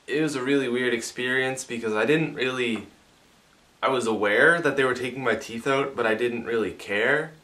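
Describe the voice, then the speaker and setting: A man's voice: mid-range voice, bright, forceful tone. A young man vlogging casually with a sore mouth after wisdom teeth removal. He talks with his mouth held half closed and has a slight lisp. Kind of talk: casual rambling vlog talk.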